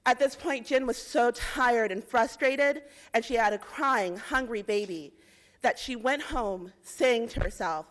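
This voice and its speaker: In a slightly high, fairly bright voice, a young woman from Indiana delivers a rehearsed policy pitch. She sets out facts and figures clearly, at a measured pace, and persuasively.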